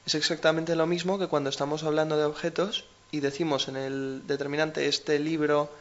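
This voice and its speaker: Gravelly Spanish-accented male teacher. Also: fairly high pitch, level tone, fairly quick, lo-fi sound. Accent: Spain Spanish. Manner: patient, explains with everyday examples. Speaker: language teacher co-host. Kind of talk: explanatory lesson chat.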